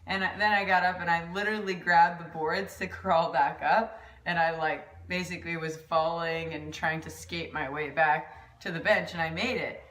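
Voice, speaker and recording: A woman's voice: fairly low pitch, fairly even intonation, normal speed, fairly bright tone, distant mic. A woman coach chatting casually in a vlog, rambling and laughing easily, with a mild concussion. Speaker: volleyball coach vlogger. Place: at home, kitchen pantry. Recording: echoey room, off-mic.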